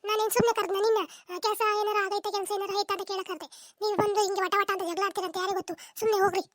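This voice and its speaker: Woman doing a high-pitched cartoon daughter-in-law, snappy comebacks, rattles off fast. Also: fairly even intonation, dry recording, studio quality. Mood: retorting. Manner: quick, retorting, argumentative. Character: sharp-tongued young daughter-in-law, defensive. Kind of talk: comic cartoon dub.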